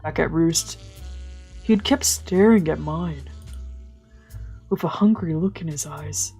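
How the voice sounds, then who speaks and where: A woman whose mellow voice sits low, with a breathy edge, reads at a measured pace. She's a streamer giving a dramatic let's play reading of a visual novel, game music underneath, alternating narration with casual asides.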